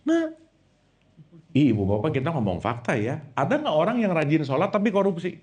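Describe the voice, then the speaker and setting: A man preaching a lively sermon to a live audience, joking and quizzing them with questions. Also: on the high side, a little fast. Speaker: Islamic preacher.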